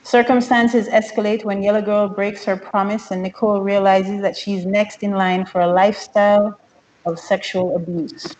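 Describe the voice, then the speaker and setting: A woman's voice: medium pitch, normal speed, slight background noise. Woman reading bios on a dull line. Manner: steady, careful reading. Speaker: meeting presenter. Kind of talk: reading film synopses and bios. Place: online meeting from home. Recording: dull lo-fi online meeting audio.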